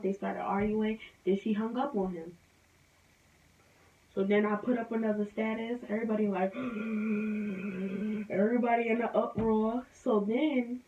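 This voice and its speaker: A young woman from New Jersey telling a storytime vlog, heated and rambling, often repeating herself. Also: medium pitch. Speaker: vlogger. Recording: roomy, distant, dull sound.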